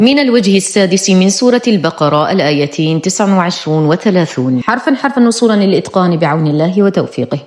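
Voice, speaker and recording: A woman teaching Quran recitation, explaining the rules of each word and then reciting it slowly and deliberately. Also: medium pitch. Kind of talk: tajweed lesson with slow recited examples.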